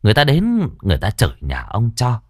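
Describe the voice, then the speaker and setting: A man's voice: mid-range voice, wildly swooping pitch, fast, dry recording, clean studio sound. A man narrating a ghost story in a dramatic storytelling manner. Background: faint music.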